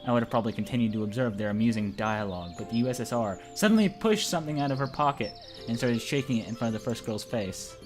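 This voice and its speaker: Fast and expressive, this man's medium-pitched voice narrates a let's play. Reading a visual novel aloud to friends, he keeps things informal and occasionally stumbles over the script while faint game music plays.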